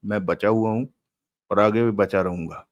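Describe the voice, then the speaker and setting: A man's voice: lowish voice, normal speed, dry recording, dull audio, close to an everyday voice. A man voicing a ruthless gang boss in an audiobook, smug and assured.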